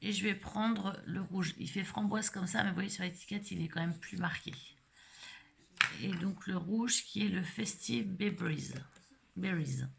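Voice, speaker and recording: Gravelly-voiced woman demoing crafts. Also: mid-range voice, unhurried, a little hiss or hum. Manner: rambling, many hesitations and fillers. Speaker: scrapbooking vlogger. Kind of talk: casual live craft demonstration.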